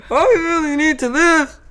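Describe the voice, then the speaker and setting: A speaker playing a laid-back drunk hobo with a lisp, drawling loudly in improvised character play. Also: very high voice, slight background noise, voice pushed up, exaggerated voice. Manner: loud, raised, drawling and carefree.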